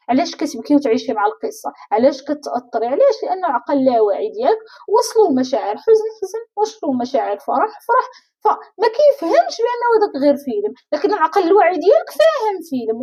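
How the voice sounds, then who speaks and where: A woman with a Moroccan Arabic accent gives a motivational coaching talk at a very fast clip. Her voice sits high and swings widely in pitch. She speaks straight to the listener and keeps asking rhetorical questions. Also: darkish tone. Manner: addresses the listener directly, many rhetorical questions. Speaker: life coach.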